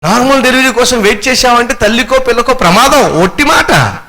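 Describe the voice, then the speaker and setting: A man with a Telugu accent preaching a sermon as a pastor, animated, with rhetorical questions and acted-out quotes. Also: extremely high pitch, a little fast.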